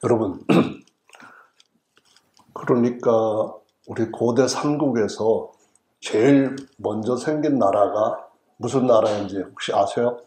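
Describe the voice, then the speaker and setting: Low-voiced pastor in an echoey church. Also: male voice, a little mellow. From Chungcheong region, South Korea. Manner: humorous, folksy storytelling. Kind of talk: sermon. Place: church sanctuary. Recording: roomy church echo.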